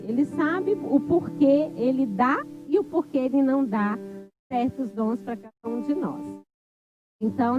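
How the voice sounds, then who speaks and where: A woman giving an informal church sermon, halting with many fillers and restarts. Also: sits high, dull audio. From Brazil. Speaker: church speaker.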